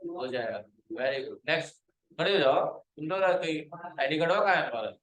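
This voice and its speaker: A man's voice: a little high, animated, a little fast, fairly bright tone, a little hiss or hum. Strict male teacher in an echoey classroom. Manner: strict, quizzes and scolds students. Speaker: computer teacher. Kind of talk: classroom lecture.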